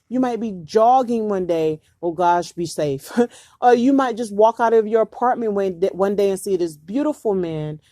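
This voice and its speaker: A woman's voice: medium pitch, dark tone, no echo, studio quality. Earnest woman warning about online dating. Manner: earnest, urgent, repeats her warnings. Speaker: vlogger giving dating advice. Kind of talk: earnest direct-to-camera talk.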